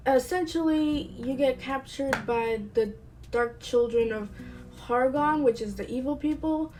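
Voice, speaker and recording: The host of a gaming channel, a woman, gives a casual video game review in a chatty, playful way with light asides. Her slightly high, warm voice sounds congested and a bit nasal from a cold, and the audio quality is poor.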